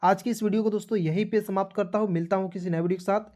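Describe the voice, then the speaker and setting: A man's voice: sits high, fairly even intonation, rapid-fire, darkish tone. A male teacher giving a spelling lesson, spelling words out letter by letter and often checking that the class has understood. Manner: spells words out letter by letter and keeps asking if it is clear. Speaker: English teacher.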